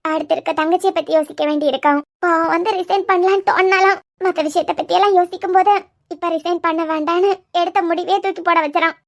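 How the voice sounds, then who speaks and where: A woman's voice: very high voice, fairly even intonation, quick pace. A woman voicing Pavi, a weary, worried young working woman in a cartoon series, speaking in a troubled way with a Kanyakumari Tamil accent. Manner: troubled, pleading. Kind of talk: cartoon web series voice acting.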